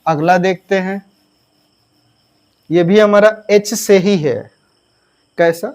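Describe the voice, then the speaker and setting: Slow, high-voiced male grammar teacher. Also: a little mellow. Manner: asks the class questions and answers them himself; spells words out letter by letter. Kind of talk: classroom lesson explaining grammar rules.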